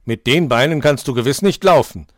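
A man voicing a mocking, boastful male hare in a read-aloud fable, scornful and loud. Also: medium pitch, expressive, unhurried, no room sound, studio quality, voice pushed up. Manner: scornful, sneering.

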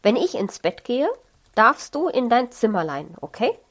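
A woman's voice: on the high side, sing-song, a little slow. A woman reading a children's audiobook, voicing a caring but firm female caregiver in her own, lightly raised voice. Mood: soothing. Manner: gently firm, soothing.

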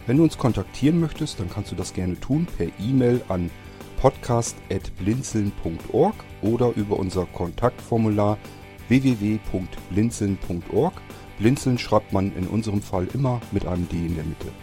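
A man hosting a podcast, reading out a friendly outro. His voice is low and mellow, with soft guitar music playing underneath. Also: expressive, normal speed. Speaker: podcast host.

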